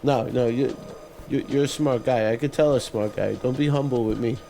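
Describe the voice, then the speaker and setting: A man's voice: medium pitch, normal speed, vocal fry, warm tone, poor audio. A man hosting a radio show, closing a casual interview with rambling, stammering talk and lavish praise for his guest.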